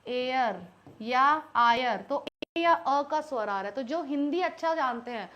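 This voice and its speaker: A woman with an Indian accent, her voice high and bright, teaches an online English class. She walks through each point step by step and keeps putting questions to her students. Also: animated, normal speed, highs cut off. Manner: explains step by step, quizzing students with frequent questions.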